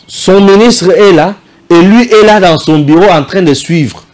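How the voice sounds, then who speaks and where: Indignant Congolese man, fairly high voice. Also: a little slow, darkish tone. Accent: Congolese French, Kinshasa. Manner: indignant, rhetorical questions, switches into Lingala. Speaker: political commentator. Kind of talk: impassioned political commentary.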